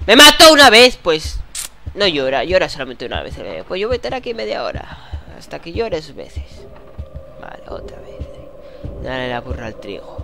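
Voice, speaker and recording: A man's voice: mid-range voice, wildly swooping pitch, normal speed, creaky, fairly bright tone. A man from commenting on a horror game, joking, swearing and muttering in frustration. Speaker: gaming channel host.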